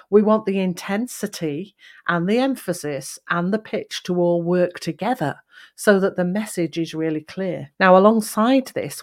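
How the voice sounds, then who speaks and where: A woman hosting a voice-coaching podcast, speaking deliberately and demonstrating emphasis and changes of pace. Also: lowish voice. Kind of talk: instructional podcast talk.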